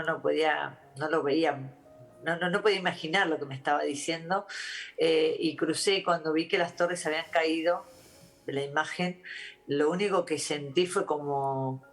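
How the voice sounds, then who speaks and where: A woman with an Argentine accent, a doctor giving interview testimony in a halting, reflective way, with many restarts and fillers. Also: low-pitched. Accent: Argentine Spanish.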